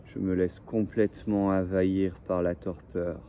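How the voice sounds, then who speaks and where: A very dark, mellow male voice, low in register, guides a breathing and relaxation session. He speaks slowly and soothingly, repeating short phrases with little melodic movement. Faint outdoor noise and birds sit behind him. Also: flat delivery. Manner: slow, soothing, repetitive phrasing. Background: faint birdsong and ambient noise.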